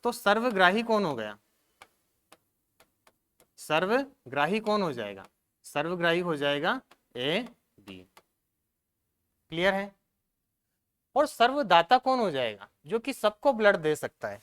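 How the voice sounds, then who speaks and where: A male teacher, giving an exam-prep science lesson, asking questions and answering them himself, checking often whether it is clear. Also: high-pitched, sing-song, a little slow, pauses often, a bit bright.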